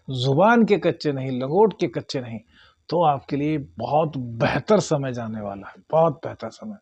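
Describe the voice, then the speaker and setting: A man's voice: a little high, a little mellow, breathy edge, no room sound, highs cut off. A man, an astrologer giving a monthly horoscope talk and advising viewers earnestly, calling them brother.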